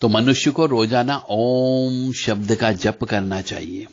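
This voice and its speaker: A man gives an instructive devotional lecture on mantras, speaking directly to his listeners at a mid pitch. He stops now and then to chant syllables slowly. The recording sounds slightly dull and lo-fi. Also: steady tone. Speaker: spiritual teacher.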